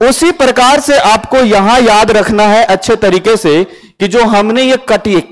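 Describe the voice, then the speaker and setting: A man's voice: high voice, unhurried, poor audio. A man teaching a classroom lesson with memory tricks, asking his students questions and answering them himself.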